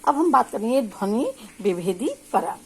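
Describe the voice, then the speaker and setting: A woman's voice: fairly high pitch, big pitch swings, breathy edge, low-quality recording. Woman teacher giving a phonetics lesson. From India. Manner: slow, drawn-out sample syllables with frequent check-ins. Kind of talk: spoken lecture on phonetics.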